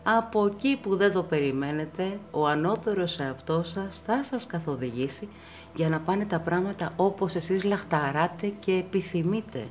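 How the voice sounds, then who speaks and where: A woman giving a pick-a-card tarot reading to her viewers, reassuring them and repeating words for emphasis, her pitch swinging up often. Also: a little mellow.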